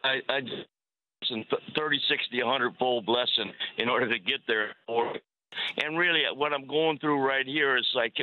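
A man from Missouri calling in on a cell phone that keeps breaking up, talking in a halting, rambling, stammering way. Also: medium pitch. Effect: cell phone call breaking up. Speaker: caller. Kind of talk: call-in chat on a religious show. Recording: tinny phone line, dropping out.

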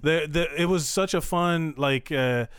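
A man chatting loosely and swearing as he talks about stand-up. His voice sits a bit high and sounds smooth. The recording is dry and close. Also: measured pace, fairly bright tone, no room sound. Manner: loose, swearing, filler-heavy. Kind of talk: casual podcast chat.

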